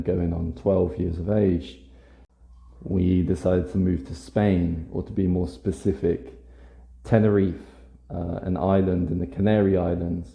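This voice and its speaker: A young man from Scotland speaks with a generic British accent, low and gravelly with a dark, mellow tone. He chats in a relaxed, rambling way, an English teacher telling his own story to learners, and the room around him is echoey. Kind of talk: casual monologue for language learners.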